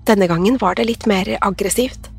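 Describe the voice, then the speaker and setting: A woman narrating a horror story in a measured, suspenseful way. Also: mid-range voice, creaky, slightly rough, soft background music.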